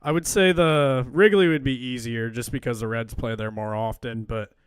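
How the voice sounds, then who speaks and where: A man's voice: medium pitch, fairly even intonation, moderate pace, clean tone, dry recording. A young man co-hosting a podcast in casual chat, laid-back and agreeable, swearing now and then. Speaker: podcast co-host.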